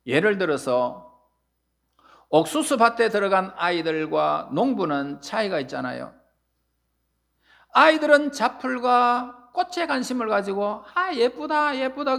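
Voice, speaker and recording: A man's voice: high-pitched, creaky, a bit bright. A male pastor preaching a sermon in church, pressing words with rising emphasis and letting phrase endings fall away. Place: church sanctuary.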